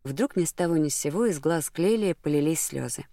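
A steady audiobook narrator with a gravelly, creaky texture and a dry, close sound. The reading is scripted and even. The pitch sits in a middle range. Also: fairly quick, no room sound.

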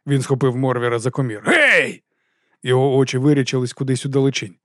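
A man reading an audiobook novel in a measured, expressive way. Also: mid-range voice, no room sound, clean studio sound. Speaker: audiobook narrator. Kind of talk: scripted narration.

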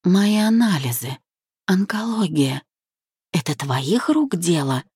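A woman reading an audiobook voices a young wife who speaks quietly and calmly despite her pain. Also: lowish voice, slow, slightly rough, no echo, clean studio sound, voice pushed up, full character voice. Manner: quiet, soft-spoken. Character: wounded but calm young wife, gentle.

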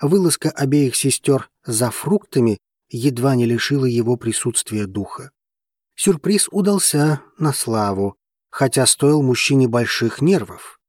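A man reading a novel aloud as an audiobook narrator, steady and even. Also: medium pitch, unhurried, dry recording, clean studio sound.

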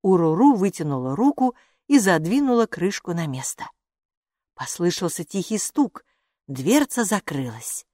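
A woman narrating a children's audiobook in an expressive, even-paced reading. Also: on the low side, a little slow, no room sound, clean studio sound. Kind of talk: storybook narration.

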